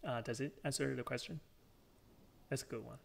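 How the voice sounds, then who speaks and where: A man's voice: medium pitch, fairly even intonation, vocal fry, slight background noise. Tired-voiced man answering questions. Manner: halting, restarts often with fillers. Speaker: guest speaker. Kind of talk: academic talk answering questions.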